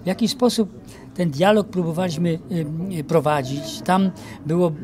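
Reminiscing older man, outdoors. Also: high voice. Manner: reminiscing, lively with many pauses and fillers. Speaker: actor interviewee. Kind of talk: casual interview. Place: outdoor garden courtyard. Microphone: handheld mic held by interviewer.

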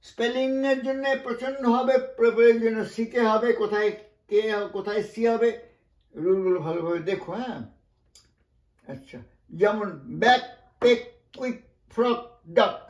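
A man's voice: very high-pitched, moderate pace, darkish tone, echoey room, dull audio. A man from West Bengal teaching English pronunciation, patiently explaining word by word with frequent asides. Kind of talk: spoken classroom lesson.

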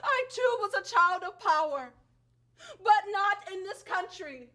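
A woman's voice: extremely high pitch, expressive, unhurried, pushed and bright, full character voice. A young woman acting a wronged, vengeful foreign princess on stage, speaking with impassioned, tearful bitterness. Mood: anguished. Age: young adult. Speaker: student stage actor.

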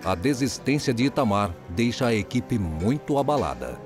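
A man's voice: medium pitch, very animated, normal speed, music in the background. A man narrating a reality TV show in scripted, dramatic style.

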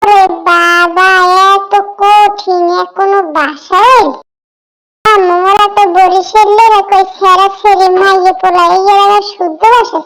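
Talking Ginger, a squeaky boy cat with a Barishal accent. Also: little pitch movement, a little slow, a bit bright, heavily acted. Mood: curious. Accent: Barishal dialect of Bengali. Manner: chatty, asks question after question. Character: playful young boy cat, curious and cheeky. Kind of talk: comic cartoon dub.

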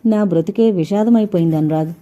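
A woman's voice: mid-range voice, quick pace, mellow, close to an everyday voice. A woman voicing a grief-stricken, poor young widow who speaks heavily and sorrowfully, in an audio novel. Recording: dull lo-fi recording.

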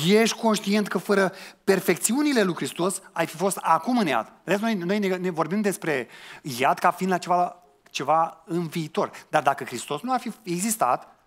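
A man preaching a sermon, earnestly putting questions to his listeners and mixing in colloquial asides. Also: sits high. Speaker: pastor.

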